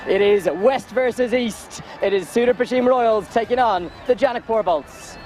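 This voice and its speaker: A man's voice: very high-pitched, normal speed, a little mellow, a faint crowd, rough recording. A man hosting live sports coverage as a commentator, with grand, emphatic announcing. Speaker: cricket commentator and broadcast host.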